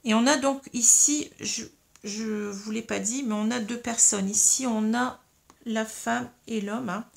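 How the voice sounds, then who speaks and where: Gravelly-voiced woman reading tarot cards. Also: on the high side, steady tone. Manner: explains slowly to viewers, many fillers and "hein". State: slight frog in the throat. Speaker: tarot reader.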